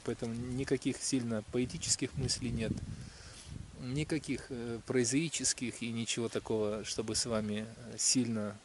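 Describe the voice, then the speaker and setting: A man vlogging outdoors in the countryside, musing on faith in a hesitant way, with many pauses and fillers. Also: medium pitch, slight background noise. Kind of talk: casual spiritual musing to camera. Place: outdoors in a rural area.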